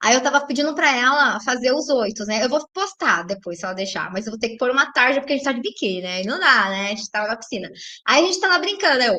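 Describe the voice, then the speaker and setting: A high, bright and forceful woman's voice with a Brazilian Portuguese accent. She is a belly dance teacher chatting with her viewers on a live stream, tagging her sentences with a questioning "né?" and reading their chat messages aloud. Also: expressive, fast talker. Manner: chatty, tags lines with "né?".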